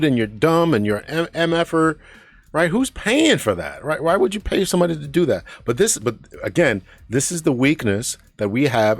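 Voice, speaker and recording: A man's voice: medium pitch, dry recording. A man hosting a podcast and reacting to a clip, talking hesitantly, repeating words and checking in with "right?". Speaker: podcast host. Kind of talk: reaction commentary.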